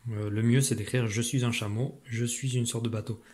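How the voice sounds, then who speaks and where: A middle-aged male teacher talks parents through their child's homework, calm and methodical. He sounds out letters and syllables slowly, repeating words so they can follow along. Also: medium pitch. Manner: patient, step-by-step, spelling out sounds slowly. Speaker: primary school teacher. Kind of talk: explaining homework exercises to parents.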